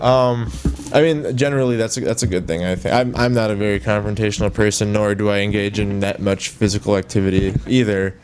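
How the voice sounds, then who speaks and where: A man's voice: fairly low pitch, fairly even intonation, a little fast, a little mellow, slight background noise. A man hosting a casual radio talk show. He jokes crudely and laughs often. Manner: joking, laughs a lot, crude humor. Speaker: host.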